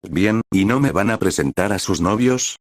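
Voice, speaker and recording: Soft, firm mother with authority, read by a man, low and dry. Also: expressive, moderate pace, no echo. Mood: teasing.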